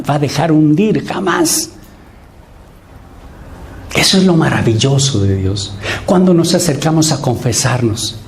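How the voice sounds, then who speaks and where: A man's voice: mid-range voice, slight background noise. A man preaching as a priest at a Lenten retreat, asking his listeners rhetorical questions and acting out the voices he quotes. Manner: animated, acts out quoted voices, asks the audience rhetorical questions.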